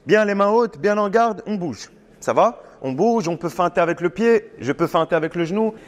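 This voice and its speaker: Un homme, coach de boxe, qui donne des consignes fortes et encourageantes pendant un entraînement en salle. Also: male voice, high voice, expressive, moderate pace, highs cut off. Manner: loud, encouraging gym instructions. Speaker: boxing coach. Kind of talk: coaching a training session. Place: boxing gym.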